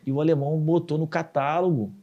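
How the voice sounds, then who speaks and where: In a fairly high voice at a quick pace, with the highs cut off in the audio, a southern Brazilian surgeon spins stories on a relaxed podcast interview. As a urologist guest, he animatedly performs the dialogue he quotes.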